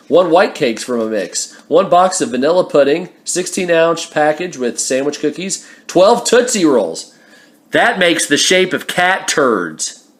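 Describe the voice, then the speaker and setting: A man reading a humorous picture book aloud, slowly and deliberately, with wry little asides. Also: fairly high pitch. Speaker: book reader.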